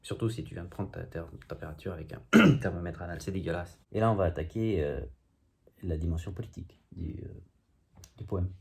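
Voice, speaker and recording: A man's voice: low voice, a little fast, gravelly. A man at home reading his own humorous poem, with self-mocking asides between the verses. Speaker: amateur poet reciting his own poem. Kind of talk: casual home video poetry reading. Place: at home, indoors.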